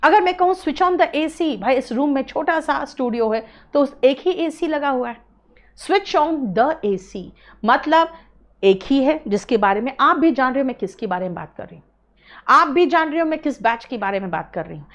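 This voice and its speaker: A young Indian-accented woman teaches an English class from a small studio, with a fairly high voice. Her pitch swings widely as she explains patiently, and she slows right down to spell out example phrases for her students. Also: lively intonation. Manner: explains patiently, addresses students as beta, drills pronunciation slowly. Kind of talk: online exam-prep class lecture.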